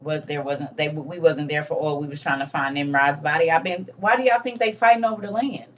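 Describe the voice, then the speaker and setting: A woman's voice: low voice, brisk, far from the mic, lo-fi sound, slight background noise. A woman giving an emphatic, repetitive casual lecture to her viewers, teaching as she reads. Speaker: online teacher on religion and history.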